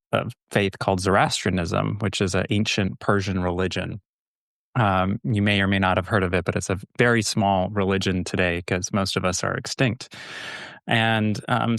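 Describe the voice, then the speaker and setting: Guesting on a podcast, the young Californian holistic health coach reflects casually in an interview, often restarting and using fillers. His lowish voice comes across as clear, resonant, and slightly bright. The studio-quality audio carries no room sound.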